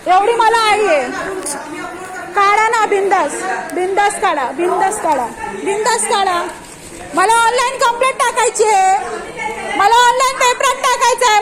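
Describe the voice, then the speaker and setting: A woman arguing with office staff while filming on her phone, insistent and confrontational, repeating her words over and over. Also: very high voice. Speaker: parent filing a complaint. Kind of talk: heated confrontation filmed live. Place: busy government office, indoors. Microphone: phone camera held while filming. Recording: noisy crowded office.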